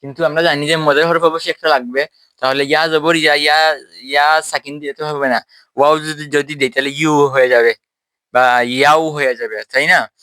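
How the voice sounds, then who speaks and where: A man teaching a tajweed class, explaining step by step and quizzing his students, with slow drawn-out letters. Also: fairly high pitch, fairly even intonation, sharp tone, clean tone, no echo. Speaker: Quran recitation teacher.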